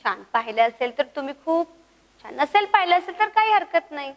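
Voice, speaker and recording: A woman's voice: high-pitched, sing-song, brisk, long reverb tail, rough recording. A woman teaching a first-grade class, coaxing the children to repeat after her and imitating bird calls. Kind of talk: grade one lesson, call and repeat.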